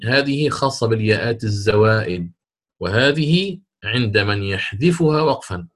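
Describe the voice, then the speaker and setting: A man teaching a lesson on Quran recitation rules, explaining step by step and stretching out example words slowly. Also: lowish voice, fairly bright tone. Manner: slow, drawn-out example words, repeats for emphasis.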